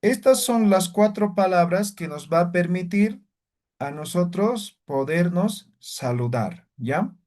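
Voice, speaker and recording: A male language teacher leads his class at an unhurried pace, patient and methodical. He keeps stopping to check that the students follow with quick tag questions. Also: high voice, expressive, a little mellow. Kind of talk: online class instruction.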